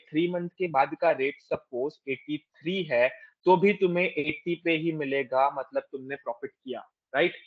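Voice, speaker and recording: A man's voice: medium pitch, no echo. Indian man tutoring over a dull call. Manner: explanatory, switches between Hindi and English, quizzes students. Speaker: actuarial finance tutor. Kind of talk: online class lecture. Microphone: video call. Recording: dull lo-fi call audio, dry.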